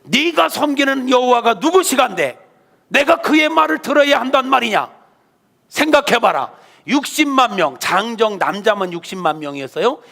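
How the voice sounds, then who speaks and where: A man voicing a stubborn, boastful ancient king in a sermon, loud and scornful. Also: extremely high pitch, sing-song, moderate pace, vocal fry, long reverb tail, voice pushed up, exaggerated voice.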